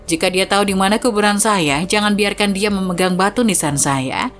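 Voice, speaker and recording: Woman reading a frail old mom begging to go home, pleading, mid pitch, soft music behind. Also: brisk, lightly acted. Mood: grieving. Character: frail elderly mother longing for home.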